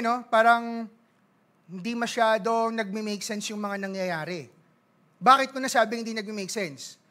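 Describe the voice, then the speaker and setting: A Filipino man preaching a sermon as pastor, mixing Tagalog with English, reading scripture slowly and joking with the congregation. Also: high voice, sharp tone. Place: church service.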